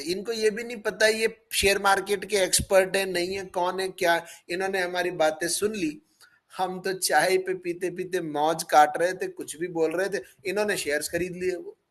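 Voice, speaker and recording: A man's voice: high voice, fairly bright tone, poor audio. A man teaching a live online class, explaining ideas with everyday examples and asking students questions in his English.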